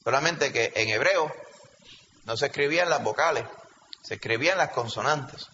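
A man's voice: medium pitch, normal speed, pushed and bright. A male pastor preaching a sermon in an emphatic teaching manner, often checking in with the congregation. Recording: reverberant hall, slightly dull sound, faint background hum.

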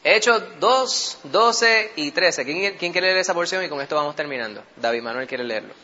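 A man's voice: fairly high pitch, lively intonation, normal speed, pushed and bright, muffled recording. A Puerto Rican man leading a Bible study in a conversational teaching style, often checking in with his listeners. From Puerto Rico. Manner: keeps asking listeners for assent.

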